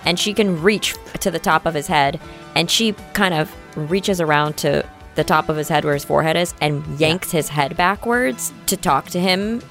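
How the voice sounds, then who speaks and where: A woman playing in a tabletop game, calm and matter-of-fact, speaking in and out of character. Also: sits low, normal speed, faint music behind. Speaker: player.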